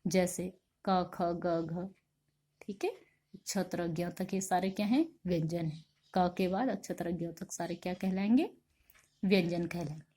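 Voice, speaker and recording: A woman teaching a grammar lesson, her voice soft and mellow rather than bright. She asks questions and answers them herself, calls the class "beta", and spells out each example sound slowly and deliberately. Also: on the low side.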